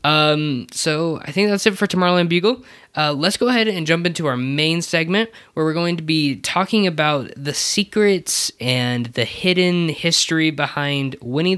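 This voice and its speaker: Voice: mid-range voice, fairly bright tone, clean tone. A podcast host chatting casually and somewhat hesitantly. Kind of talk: casual chat about Disney.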